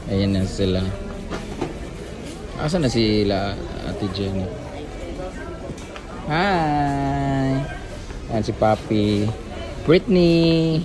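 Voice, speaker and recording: A man's voice: fairly low pitch, level tone, slow, pauses often. A man with a Filipino accent chatting casually as he films a vlog. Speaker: vlogger.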